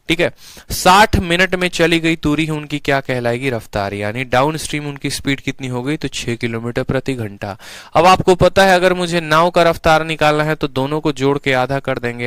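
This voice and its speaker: A man's voice: medium pitch, a bit bright, clean tone, no room sound. A man teaching an exam-prep maths lesson online, explaining step by step and putting questions to his students before answering them himself.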